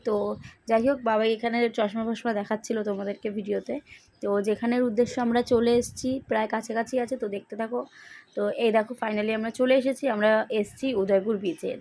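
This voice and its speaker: A woman's voice: a little high, darkish tone. A woman narrating a casual travel vlog into her phone camera, chatting straight to her viewers. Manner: chatty, addresses viewers directly. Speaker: vlogger. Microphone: phone camera, selfie and back camera.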